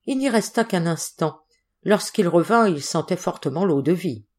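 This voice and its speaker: A woman narrating an audiobook story in a measured, expressive reading. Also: lowish voice. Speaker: audiobook reader.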